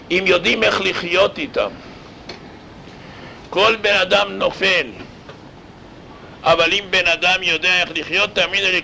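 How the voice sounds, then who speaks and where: High-voiced, gravelly religious teacher. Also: male voice, a little hiss or hum, poor audio. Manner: animated, addresses students directly. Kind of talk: sermon-style lesson with jokes.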